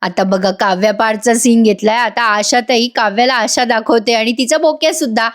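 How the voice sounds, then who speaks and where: A woman recaps a serial episode in voice-over, gossipy and amused. Her voice sits a little high, and she chats directly to her viewers. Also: normal speed. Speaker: serial reviewer.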